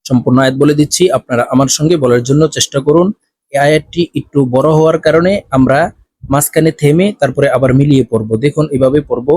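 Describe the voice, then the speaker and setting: A man with a mid-range, somewhat mellow voice teaches Quran reading, with no echo on the recording. He names each letter and vowel, then slowly draws out the words in a chant, explaining briskly between them.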